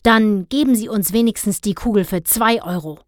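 A woman's voice: medium pitch, lively intonation, a little slow, no room sound, clean studio sound, close to an everyday voice. A woman voicing a grumpy, stingy middle-aged father who scolds and grumbles indignantly in a storybook reading. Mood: indignant grumbling.

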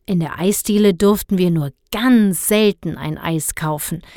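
A woman's voice: lowish voice, unhurried, dark tone, dry recording, clean studio sound. A woman voicing a grumpy, stingy middle-aged father who scolds and grumbles indignantly in a storybook reading. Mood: indignant grumbling.

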